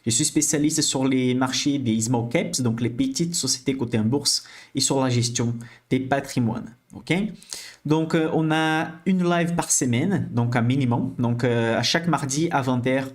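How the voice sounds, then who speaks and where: Chatty Brazilian-accented man teaching investing. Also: medium pitch. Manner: chatty, checks in with viewers, frequent "ok?" and "ça marche?". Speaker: financial educator hosting a live stream. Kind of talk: live-streamed investing class.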